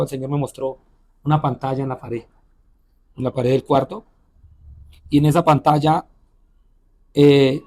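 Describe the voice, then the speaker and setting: This pastor and missionary, a man whose fairly high voice is a little mellow, tells his personal testimony during an interview. His delivery is halting, with repeated words, restarted phrases and frequent "eh" fillers.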